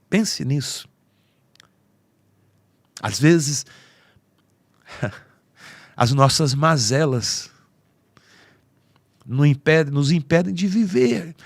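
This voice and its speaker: A man's voice: mid-range voice, gravelly, no room sound. Brazilian man telling a heartfelt story. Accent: Brazilian Portuguese. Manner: heartfelt, acts out quoted family voices. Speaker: podcast speaker. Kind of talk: emotional personal storytelling.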